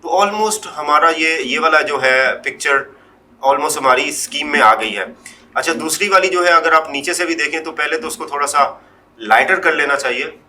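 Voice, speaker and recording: In a screen-recorded Photoshop tutorial, a man with a somewhat high voice walks through each step without hurrying. He often trails off quietly and mixes English words into his Hindi, with slight background noise present.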